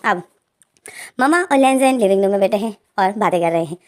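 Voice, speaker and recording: A woman retelling a fan-fiction story, narrating in a steady, explanatory way. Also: mid-range voice, a little fast.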